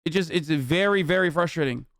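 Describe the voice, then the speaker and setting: A man's voice: fairly high pitch, fairly quick, fairly bright tone, no room sound, clean studio sound. A man in his thirties ranting on a livestream, sarcastic, heated and full of swearing. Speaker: streamer. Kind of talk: livestream reaction rant.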